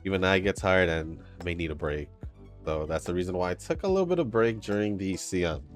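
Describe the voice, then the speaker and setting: A low-pitched man with lively intonation, talking a little fast, hosts a gaming channel and chats casually while playing. His nose sounds congested, he laughs and rambles between comments, and faint game music plays behind.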